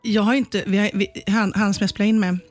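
A woman's voice: mid-range voice, steady tone, soft background music. A woman in her forties, a guest singer on a chat show, playful and teasing. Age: 40s. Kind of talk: casual chat.

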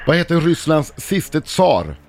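A man asks quiz questions at a steady clip on morning radio, his voice sitting a little high. Faint music plays underneath.

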